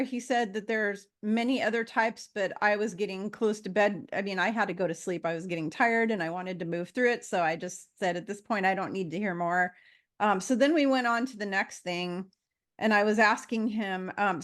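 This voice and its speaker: A woman in her fifties talks as a guest in a relaxed conversation, her voice sitting at an ordinary middle pitch. She wanders through her points, pausing on fillers and circling back to restart her sentences. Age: 50s. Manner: meandering, with frequent fillers and restarts. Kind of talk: casual conversation.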